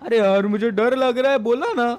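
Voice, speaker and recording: A man's voice: extremely high pitch, normal speed, a little mellow. A man voicing a timid, whiny talking dog in a game role-play. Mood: scared. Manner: fearful, whiny.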